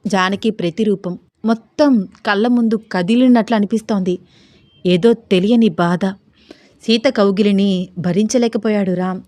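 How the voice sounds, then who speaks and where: Woman storyteller, steady expressive romance narration, dry close-miked sound, mid pitch. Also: dry recording.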